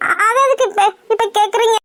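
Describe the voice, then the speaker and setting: A woman's voice: very high-pitched, steady tone, fast talker, a bit bright, no room sound, clean studio sound, soft background music. A woman voicing a frightened, injured young woman in a cartoon, pleading through tears. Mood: upset. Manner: pleading, tearful. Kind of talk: cartoon voice acting.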